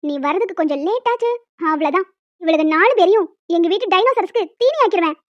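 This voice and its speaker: A cranky old village grandmother, acted by a woman, hurls insults and threats in a cartoon. Her voice is very high and races along. The sound is dry and slightly muffled. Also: lively intonation, fast, no echo. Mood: threatening. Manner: shouting insults, bossy.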